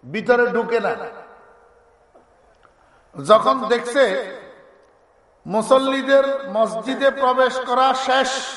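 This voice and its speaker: High-voiced preacher telling a story. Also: male voice, reverberant, in a large hall. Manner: lively storyteller acting out characters with loud high exclamations. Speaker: Islamic preacher. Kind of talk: sermon storytelling.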